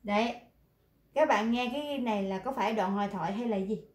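A woman's voice: mid-range voice, brisk, reverberant. A woman teaching a language class, explaining pronunciation with repetitive, coaxing remarks.

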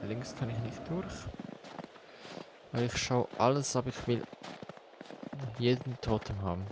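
A man's voice: lowish voice, background noise. A man giving casual horror game commentary as a streamer, scared and jumpy, muttering exclamations. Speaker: gaming streamer, let's play host. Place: small cluttered room at home.

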